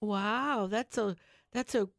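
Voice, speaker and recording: A woman's voice: medium pitch, slow pace, no echo. A woman hosting a talk show, chatty and effusive, full of heartfelt praise for her guests.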